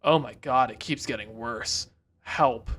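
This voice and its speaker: Talk as a guy reacting to a cartoon episode: mid-pitched and casual, restart your sentences freely, wander off track, toss in jokes as they come. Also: unhurried, fairly bright tone. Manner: rambling, self-interrupting, jokey. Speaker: reaction video host.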